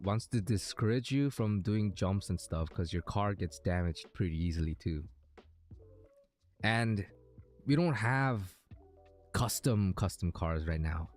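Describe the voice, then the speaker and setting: A man's voice: lowish voice, darkish tone. A man streaming a game, chatting casually with viewers in a hesitant, rambling way, thinking aloud.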